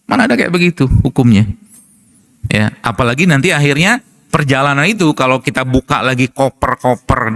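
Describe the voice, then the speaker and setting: A middle-aged man delivers a relaxed sermon in a conversational storytelling manner. His voice sits at an ordinary middle pitch, and he breaks into light laughter and rhetorical questions as he talks. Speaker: preacher and doctor. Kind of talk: casual religious talk with anecdotes.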